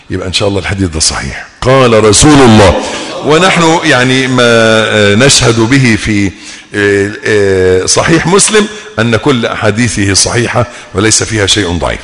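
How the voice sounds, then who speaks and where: Egyptian male preacher, animated and playful, raised voice at times, bright edge, echoing hall. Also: on the low side. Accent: Egyptian Arabic. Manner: animated, acts out listeners' wishes, shouts at times. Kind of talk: sermon. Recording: long hall reverb.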